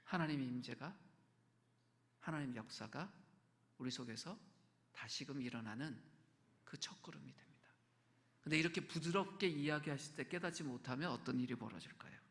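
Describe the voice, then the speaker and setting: Gravelly, bright-toned man preaching in a hall. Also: fairly high pitch. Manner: conversational preaching, asks the congregation questions, drops to soft whispers. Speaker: pastor. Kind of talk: sermon. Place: church sanctuary.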